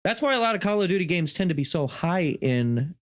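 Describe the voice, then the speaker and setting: Blunt, chatty young man, slightly high. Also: very animated, brisk. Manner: chatty, blunt, stammering starts. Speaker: podcast co-host. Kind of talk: casual chat.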